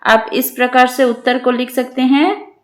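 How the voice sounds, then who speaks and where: Brief: female teacher, Odia accent, high voice, patient step-by-step grammar explanations. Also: fairly even intonation. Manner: patient, checks in often with "ठीक है"; reads example sentences slowly. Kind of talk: explaining grammar homework answers.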